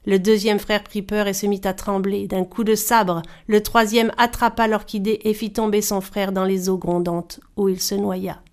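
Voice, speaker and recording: A woman storyteller reading a folktale aloud in a measured, expressive style. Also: mid-range voice. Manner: measured, animated voices for characters.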